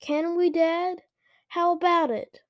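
Eager young boy in a storybook, pleading and pushy, high and bright as a woman reader puts him on. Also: takes it slowly, no echo, studio quality. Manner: pleading, insistent.

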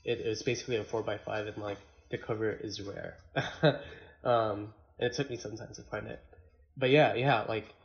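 A man chatting casually on a podcast in a laid-back, slangy way, often halting and repeating words. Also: fairly low pitch, fairly even intonation, creaky, dull audio. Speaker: podcast co-host or guest. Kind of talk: casual chat.

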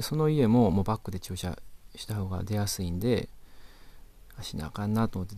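This man speaks with a fairly low pitch and a dark tone, in a Kansai Japanese accent. He's telling a listener a comic anecdote, chatty and exasperated, slipping in polite asides.

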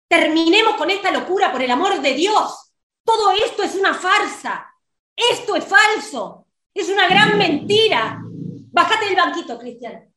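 An Argentine woman delivers an indignant, scolding rant in a comedy sketch. Her voice is very high and sits in an echoey room. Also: pushed and bright.

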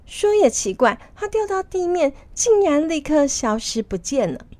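A woman narrating a children's story in an expressive, animated way. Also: high voice, moderate pace, no room sound.

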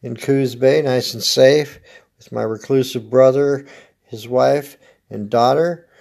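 An American man in his fifties with a gravelly smoker's rasp, giving a casual, rambling comedic monologue as a podcast host, dry and laid-back. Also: medium pitch, steady tone, slow, darkish tone. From Oregon, United States.

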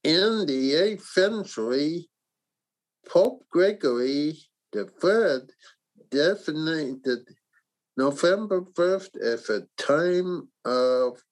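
A narrator and host reading a scripted children's story and facts in a theatrical, deliberate way. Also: mid-range voice, animated, low-quality recording.

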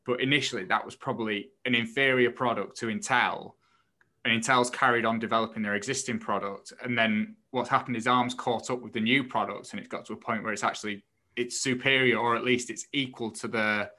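A man's voice: mid-range voice, steady tone, a little fast, bright, forceful tone. A man co-hosting a podcast, explaining things in casual, somewhat tentative conversation. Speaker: podcast co-host reviewing a book.

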